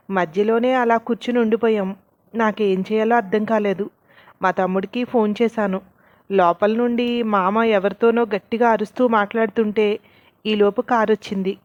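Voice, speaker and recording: A woman tells a dramatic story in a plain, steady reading voice. The recording is dry and close, with a dull, lo-fi tone. She stays even throughout as she carries the characters' lines. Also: medium pitch, no echo. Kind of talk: scripted story narration.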